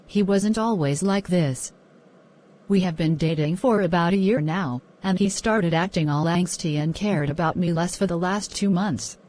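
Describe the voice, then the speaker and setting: A woman plays a frustrated, hurt girlfriend in a murder mystery film. She gives her statement to police in a somewhat low female voice. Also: normal speed, a little mellow, natural voice. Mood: upset, resentful.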